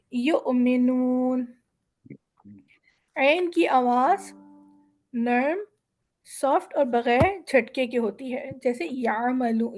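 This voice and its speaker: A woman teaching Quran recitation in a class, patiently explaining letter sounds and slowly sounding out example words. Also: high-pitched, a little mellow.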